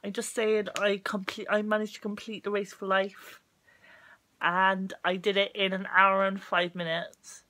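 A young English woman vlogging casually to camera, halting and soft-spoken with a stuffy, bunged-up nose. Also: medium pitch, flat delivery. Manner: halting, soft-spoken, full of ums and restarts. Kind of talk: casual talking-to-camera vlog.

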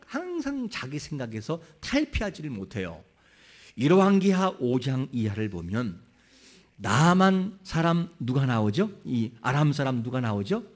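A man preaching a sermon in an animated way, putting rhetorical questions to his congregation. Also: high-pitched. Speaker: pastor.

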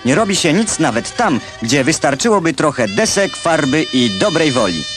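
Lively old newsreel narrator, man. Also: a little high, moderate pace. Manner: wry, ironic commentary. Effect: old newsreel recording. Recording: old newsreel over clear music.

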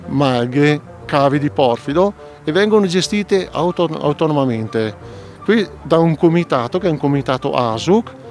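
Middle-aged guy, trentino accent, slightly high voice, explaining calmly by a lake, faint music under it. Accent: Trentino Italian. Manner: measured, explanatory, with restarts. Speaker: local commons committee representative. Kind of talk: outdoor interview. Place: outdoors by a mountain lake. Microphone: handheld mic close up.

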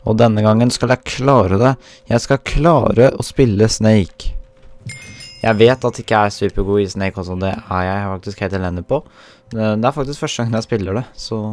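Chatty young man narrating his gameplay. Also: on the low side. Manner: chatty, self-mocking, mixes in English slang. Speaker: gaming YouTuber. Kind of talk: casual gameplay commentary. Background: faint game music.

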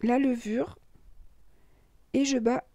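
Hoarse, husky-voiced woman narrating a recipe. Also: sits high, takes it slowly, no echo, clean studio sound. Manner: calm step-by-step instructions. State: hoarse, lost voice. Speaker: cooking channel host.

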